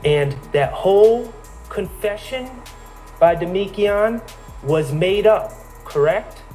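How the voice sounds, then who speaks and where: A male attorney cross-examines a witness in a courtroom. He asks measured, pointed questions and pins down each answer. His voice sits a little high for a man, and faint music runs under it. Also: lively intonation, mellow, low-quality recording. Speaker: defense attorney.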